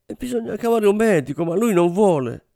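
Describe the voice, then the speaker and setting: A man's voice: expressive, brisk, gravelly, warm tone, no room sound, studio quality. A man reading a story aloud, voicing a frightened young French woman who sobs and pleads. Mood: sobbing, panicked. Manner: tearful, pleading, shrill.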